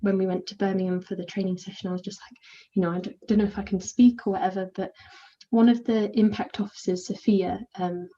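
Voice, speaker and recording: Over dull, lo-fi sound resembling a video call, a young volunteer mentor answers casually and hesitantly, padding gaps with many little fillers. Her voice is soft, soothing, mellow and warm, quiet and introverted, at medium pitch with flat delivery, a quick pace and hardly any pauses.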